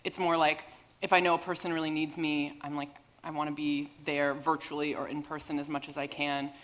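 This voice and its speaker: A woman's voice: sits low, flat delivery, brisk. A woman co-hosting a live podcast, answering an audience question in a conversational, thinking-aloud way. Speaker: podcast co-host. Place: event stage before an audience.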